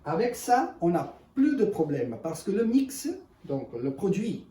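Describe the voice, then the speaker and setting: A man in gives an unscripted product demonstration in halting, self-correcting, speech. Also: high-pitched, sing-song, mellow. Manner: halting non-native French with self-corrections. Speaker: ice cream machine presenter. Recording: echoey room, distant mic, faint noise.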